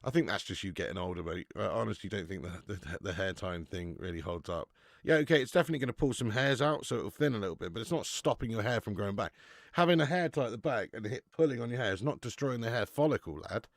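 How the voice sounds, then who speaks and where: Gravelly man in his thirties. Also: lowish voice, animated, fast talker, few pauses, dry recording, clean studio sound. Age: 30s. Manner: laughing, swearing banter with chat. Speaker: football watch-along host. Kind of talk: casual live-stream chat.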